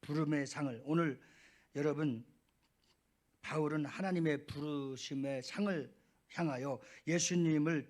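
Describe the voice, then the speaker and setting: A middle-aged man delivers a sermon from a church stage microphone. His voice sits slightly high, and he moves from low, confiding asides to loud, ringing bursts of conviction. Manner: impassioned preaching with sudden loud high peaks. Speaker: pastor. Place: church sanctuary.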